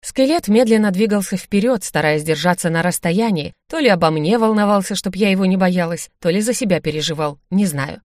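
A woman reads a fantasy audiobook in the first person, expressive and lively. Her voice sits a little low, and the recording is close and dry with no room sound. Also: fairly quick, few pauses, no room sound. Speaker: audiobook narrator.

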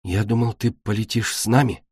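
A man's voice: fairly low pitch, fairly even intonation, a little fast, breathy edge, no room sound, clean studio sound. A man doing a shy young earth dragon. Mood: hesitant. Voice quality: soft, hesitant.

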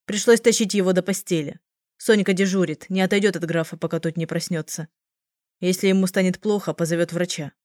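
Stern young man, reproachful, as a woman reader plays him, low and dry. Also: steady tone, a little fast, darkish tone, dry recording, lightly acted. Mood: grave. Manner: firm, reproachful. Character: stern young man scolding his sister.

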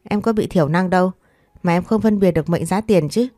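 A woman's voice: lowish voice, fairly quick, warm tone, no echo, studio quality, natural voice. A woman voicing a spoiled, hot-tempered young wife who quarrels shrilly. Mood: angry.

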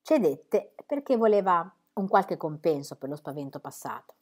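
A woman's voice: fairly low pitch, lively intonation, moderate pace. A woman reading a children's novel aloud, narrating expressively. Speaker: reader.

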